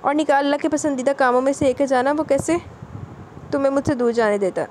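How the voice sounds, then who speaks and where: A woman's voice: high voice, quick pace, a little mellow, a little hiss or hum, close to an everyday voice. A woman voicing a young husband who is loving and possessive, coaxing and scolding his crying wife in an audio novel. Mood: soothing. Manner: pleading, coaxing then scolding.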